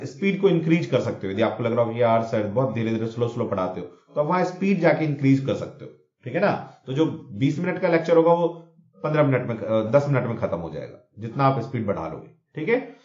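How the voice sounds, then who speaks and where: Here the coaching teacher has a mid-range, darkish voice. He mixes Hindi and English to teach vocabulary, repeats words, offers mnemonics and keeps asking students "theek hai na?" The audio is dull and lo-fi, from an echoey room.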